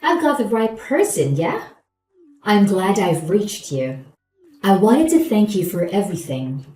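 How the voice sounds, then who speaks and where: A woman's voice: mid-range voice, sing-song, unhurried, warm tone, echoey room, soft background music. A woman acting a gloating, falsely polite new wife in a scripted story, with a saccharine, condescending manner. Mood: falsely gracious.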